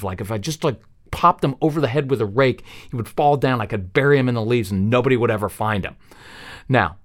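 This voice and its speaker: A man telling a parenting story to an audience, animated and jumping up in pitch for emphasis. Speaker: parenting speaker.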